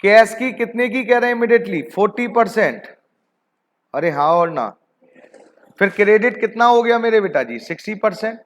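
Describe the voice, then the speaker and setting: A man's voice: high voice, lively intonation, normal speed. A man teaching an online accounting class, coaxing his students with repeated questions and calling them "beta ji". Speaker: commerce teacher.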